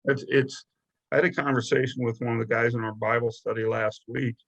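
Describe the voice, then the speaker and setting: A man's voice: mid-range voice, fairly even intonation, brisk, creaky, a bit bright, poor audio. A middle-aged man, a deputy sheriff, telling stories in a casual interview, rambling and restarting often. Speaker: guest, deputy sheriff and investigator.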